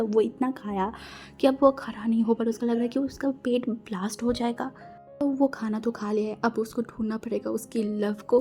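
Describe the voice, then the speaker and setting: A woman's voice: mid-range voice, mellow. A woman telling a fan-fiction story in casual narration, chatty, dropping English fillers into her speech.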